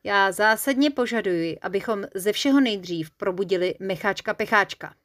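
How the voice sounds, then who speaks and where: A woman's voice: medium pitch, animated, a bit bright, close to an everyday voice. Kamínek Ramínek, a stubborn little forest creature, as a woman puts him on. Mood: insistent. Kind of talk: storybook character voice.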